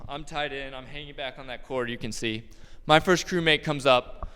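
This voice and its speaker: A man's voice: medium pitch, normal speed, pushed and bright, smooth. A man telling a personal story about his roofing work on stage, casual and joking, with many fillers. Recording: long hall reverb.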